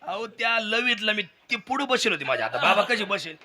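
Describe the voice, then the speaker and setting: A man's voice: sits high, very animated, fairly quick, sharp tone, slight background noise. A man giving a humble, folksy thank-you speech at the close of a devotional kirtan, often asking the crowd to agree with him. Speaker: kirtan performer.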